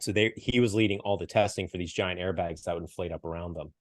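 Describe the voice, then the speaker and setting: Lively storytelling man, low voice. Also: quick pace, no room sound, studio quality. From Western Pennsylvania. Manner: animated storyteller acting out quoted voices, laughs often. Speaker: podcast guest, coach and speaker. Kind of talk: casual storytelling interview.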